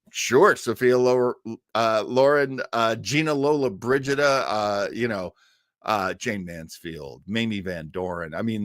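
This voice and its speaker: The host of a web show on old time radio, a middle-aged man, chats casually on a livestream and responds to audience comments. He speaks in a somewhat low, slightly bright voice, rambling effusively and repeating words for emphasis. The studio-quality recording has no echo.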